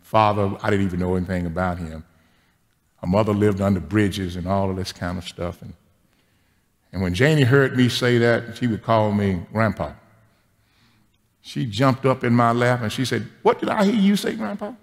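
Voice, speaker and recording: Gravelly older bishop preaching. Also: male voice, on the low side, moderate pace, pauses often. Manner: storytelling, call-and-response with repeated "Amen". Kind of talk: sermon. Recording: long church reverb.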